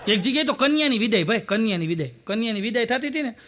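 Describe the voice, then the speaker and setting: High-voiced man telling jokes. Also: animated, very fast, background noise. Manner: storytelling, laughs at his own punchlines. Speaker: comedian. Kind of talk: stand-up joke telling.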